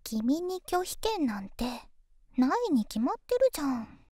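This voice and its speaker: A woman voicing an affectionate, teasing young girlfriend in an ASMR ASMR role-play, soft and coaxing, intimate pillow talk. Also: high voice, sing-song, unhurried, no room sound, clean studio sound. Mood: tender, teasing.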